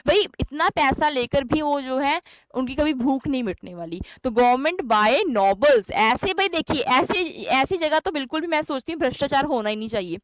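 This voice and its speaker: A young Indian woman leads an English exam-prep lesson in a chatty way, frequently posing questions and answering them herself. Her high voice is animated at a moderate pace, and the recording is dry.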